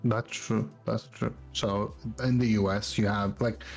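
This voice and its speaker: A man co-hosts a podcast in casual conversation, explaining facts and constantly checking in with listeners through "right?" and "you know?" His voice is lowish, creaky, and flat, his pace unhurried, with faint music in the background.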